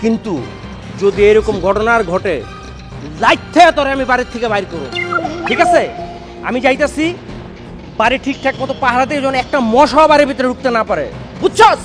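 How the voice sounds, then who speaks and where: Grumpy older landlord, swingy voice, music behind. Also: male voice, very high voice, expressive, fairly quick, long pauses. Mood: bossy. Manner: scolding, shouty. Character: older male landlord, hot-tempered but soft-hearted. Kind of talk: TV comedy drama. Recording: music bed under dialogue.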